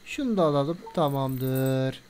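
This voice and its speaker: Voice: mid-range voice, animated, a little slow, a little mellow, a little hiss or hum. Playful voice on a game commentary video. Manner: playful, chats to viewers and scolds game characters. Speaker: gameplay video creator. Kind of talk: casual let's-play commentary.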